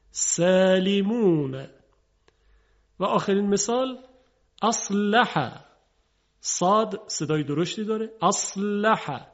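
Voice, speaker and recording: A man teaching pronunciation in a broadcast lesson, patiently drawing out example words slowly for contrast. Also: fairly high pitch, muffled recording.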